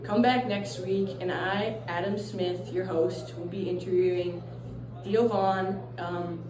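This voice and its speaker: A woman's voice: fairly low pitch, fairly even intonation, takes it slowly. A teenage girl playing an interview show host in a school role-play, reading scripted questions plainly. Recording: roomy, distant mic, noisy.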